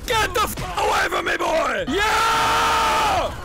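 A game streamer and video creator gives excited reaction commentary on a video game, his very high-pitched voice swinging wildly as he shouts and repeats short phrases over and over. Despite the excitement, his delivery is slow and creaky. Loud game music and sound play behind him over a noisy crowd.

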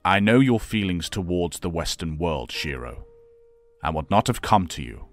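An actor plays a wise older professor in an audio drama. His very deep voice is grave, formal and persuasive. Loud music and rain sit behind the speech. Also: big pitch swings, moderate pace. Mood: measured.

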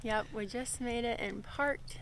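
A woman's voice: fairly high pitch, unhurried, vocal fry, a bit bright, slight background noise. Bubbly young woman on a hiking vlog. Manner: bubbly, laughs often. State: a little winded. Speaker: vlogger. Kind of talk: casual travel vlog chat. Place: outdoors on a hiking trail. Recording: faint outdoor ambience.

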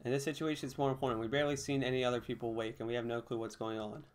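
A man reading the lines of a kind, caring adult man in his own gentle, earnest voice. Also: mid-range voice, little pitch movement, racing, natural voice. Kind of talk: reading game dialogue aloud.

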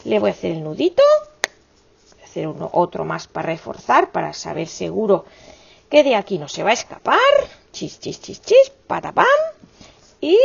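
A woman's voice: medium pitch, vocal fry, breathy edge, lo-fi sound. A woman, teaching a crochet tutorial in a chatty, affectionate way full of exclamations and diminutives.

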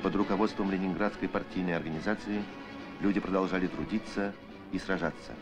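A man narrating an old Soviet newsreel in a solemn, measured, declamatory scripted style. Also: low-pitched, fairly even intonation. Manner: measured, declamatory documentary delivery. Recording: archival film soundtrack with music. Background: music.

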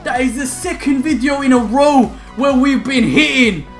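A young man with a very high-pitched voice, talking at normal speed, opens game packs at home as a gaming YouTuber. His commentary is hyped and slangy, full of shouting, laughter and banter. Faint music plays in the background of the small indoor room.

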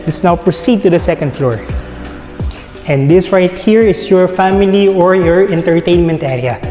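A real estate tour guide from the Philippines, speaking with a Filipino accent in a voice that sits high, walks through a large empty house for sale at a moderate pace. Chatty, he lists its features and often tags phrases with "yan" and "no". The rooms echo, with soft music in the background.

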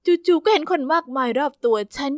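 Woman narrator, first-person storybook, steady delivery, high-pitched, dry close recording. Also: a little fast, no room sound.

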